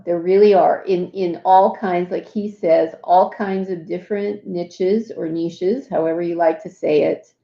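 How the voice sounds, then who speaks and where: A woman's voice: lowish voice, vocal fry, reverberant, muffled recording. A woman hosting a casual livestream walkthrough, chatting with many fillers and asides. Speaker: host.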